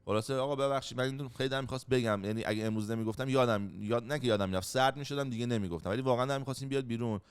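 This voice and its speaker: A man from Iran tells a personal story in casual conversation. His voice is smooth and resonant. He speaks bluntly and with heat, swearing freely. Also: mid-range voice, few pauses. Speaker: guest telling a personal story. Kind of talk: casual chat.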